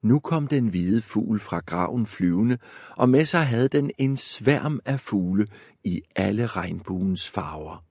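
Low-voiced man reading a fairy tale. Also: slightly rough, no echo, clean studio sound. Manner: calm, measured storytelling. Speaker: narrator. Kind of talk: fairy tale read aloud.

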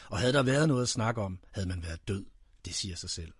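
A man reading dark, brooding spoken-word poetry, addressing a "you" directly. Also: fairly low pitch, expressive, breathy edge, no room sound, clean studio sound.

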